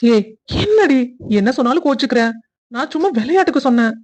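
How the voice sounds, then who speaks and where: A woman's voice: high-pitched, expressive, fast talker, darkish tone. A woman voicing a playful young husband who teases his wife in a cartoon story. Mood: teasing. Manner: playful teasing.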